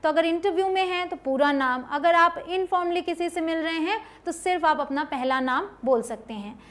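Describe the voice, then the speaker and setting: Young woman, high voice, English teacher, coaxing, asks and answers her own questions. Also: a bit bright. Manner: coaxing, repeats questions to the viewer and answers them; slows down to model English phrases. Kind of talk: spoken English lesson.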